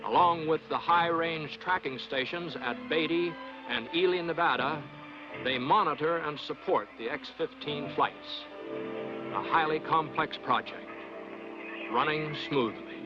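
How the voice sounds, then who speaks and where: A male film narrator reads formal, measured documentary-style script. His voice sits fairly high, on a dull soundtrack with clear music underneath.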